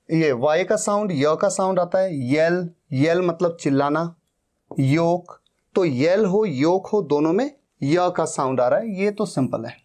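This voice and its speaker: Woman teacher, low voice, unhurried, drawn-out repeated sounds. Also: darkish tone. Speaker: English teacher. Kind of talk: pronunciation lesson.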